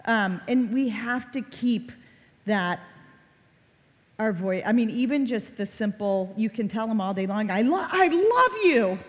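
A woman in her forties giving a live safety talk to parents and kids, conversational and lively, acting out family exchanges. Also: mid-range voice, unhurried. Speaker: child safety presenter. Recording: long hall reverb.

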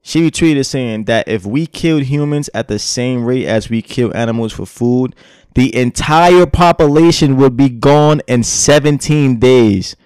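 A man in casual podcast chat, animated and slangy, swearing and often tacking "son" onto his lines. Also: medium pitch, unhurried, clear, resonant tone, no echo, clean studio sound.

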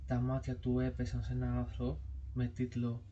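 A man narrating a ghost story from a book, reading in a steady, measured way. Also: mid-range voice, highs cut off, a little hiss or hum. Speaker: audiobook narrator.

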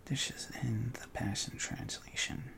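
A man leading a guided contemplative prayer session, talking softly in a hushed whisper with long pauses and relaxed, informal asides. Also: medium pitch, vocal fry. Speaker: prayer leader.

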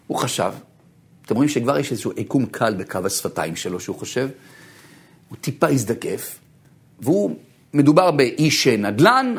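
A man, a rabbi, giving an animated lecture full of stories, swinging from low murmurs to high bursts and laughing as he tells them. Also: slightly rough. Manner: laughs while telling stories.

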